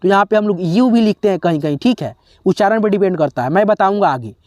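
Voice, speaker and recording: A man teaching a spelling lesson, slowly sounding out letters one by one and often pausing to check in with his viewers as friends. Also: high voice, animated, darkish tone, no room sound, clean studio sound. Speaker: English teacher.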